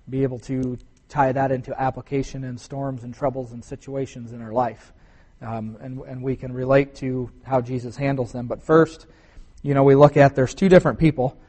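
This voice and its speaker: Guy giving a casual church sermon, chatty and loose, lots of ums and restarts, mid pitch voice. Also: a little mellow. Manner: conversational, with fillers and restarts. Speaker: preacher.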